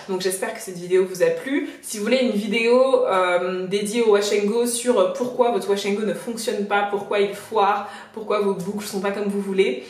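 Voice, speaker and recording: A young woman, a little sick, chatting casually through a hair tutorial at home, pausing often with fillers. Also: medium pitch, reverberant. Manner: chatty, many filler pauses. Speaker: hair care vlogger. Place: home, washing machine spinning nearby.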